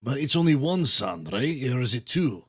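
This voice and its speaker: A man with a mid-range voice plays a tabletop role-play game. He keeps asking questions in a steady, inquisitive way. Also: mid-range voice, normal speed, husky. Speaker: player.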